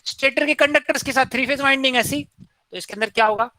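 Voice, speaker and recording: A man's voice: very high-pitched, fast talker, sharp tone, low-quality recording. A man giving a classroom engineering lecture, posing questions to students and answering them himself, mixing in English technical terms.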